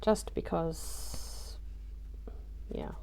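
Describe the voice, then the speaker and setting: Speaking in a whisper with drawn-out words and a dark tone, a woman talks casually through a craft project at home. She's a craft journaling vlogger whose voice has only just returned, and she rambles with many ums and little jokes at her own expense.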